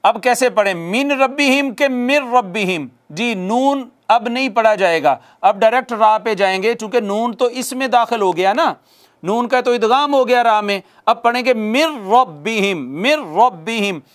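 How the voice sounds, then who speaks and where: A man teaching the rules of Quran recitation to a class, explaining step by step, posing questions and answering them, and repeating Arabic examples slowly. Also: very high-pitched. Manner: addresses listeners formally. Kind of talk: classroom lesson on tajweed rules.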